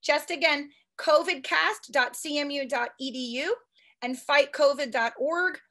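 A woman who is a statistics professor giving a quick, eager conference talk with frequent restarts. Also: sits high, bright, forceful tone. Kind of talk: fast conference presentation.

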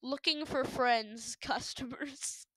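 A young woman giving casual reaction commentary, sarcastic and excitable, breaking into loud startled yelps and gasps. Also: sits high, takes it slowly, no room sound, soft background music. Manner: sarcastic running jokes. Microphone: headphones on while recording.

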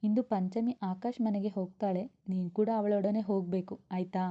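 A woman's voice: medium pitch, fairly even intonation, normal speed, muffled recording, lightly acted. A woman voicing an affectionate middle-aged mother-in-law who speaks in a coaxing way.

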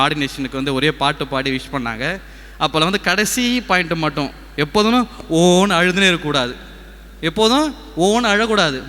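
A man's voice: sits high, sharp tone. A man, an assistant parish priest, giving a conversational sermon, acting out small exchanges with his congregation. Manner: conversational preaching, acting out little dialogues. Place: large cathedral. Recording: echoey cathedral with long reverb.

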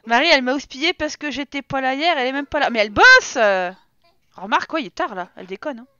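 A woman's voice: high-pitched, lively intonation, very fast, pushed and bright, muffled recording. A woman streamer chatting casually while playing a life-sim game, teasing her characters and reading her chat aloud. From France. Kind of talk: casual live-stream commentary.

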